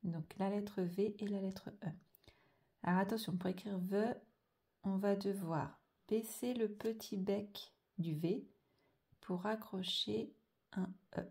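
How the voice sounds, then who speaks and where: A woman teaching a slow handwriting dictation lesson, carefully drawing out each sound and letter. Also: mid-range voice, fairly even intonation, vocal fry, dark tone. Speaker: primary school teacher.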